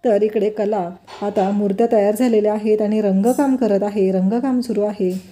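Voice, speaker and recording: A woman narrating a recap of a TV serial episode in a steady retelling style. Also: medium pitch, moderate pace. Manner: steady retelling with many quotes.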